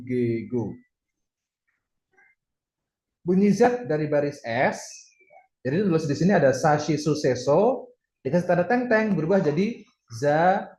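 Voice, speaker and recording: A man, teaching a casual online lesson, chatty and step by step, slowly sounding out syllables. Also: a little high, a little mellow. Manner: chatty, explains step by step with many fillers. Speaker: Japanese language teacher. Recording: roomy, somewhat dull audio.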